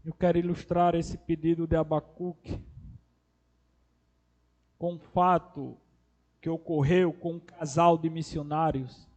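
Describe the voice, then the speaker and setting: Pastor, high voice, passionate sermon, loud cries and hushed stretches. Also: male voice, level tone, dull audio. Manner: impassioned, swinging between loud cries and soft, drawn-out words. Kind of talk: expository sermon.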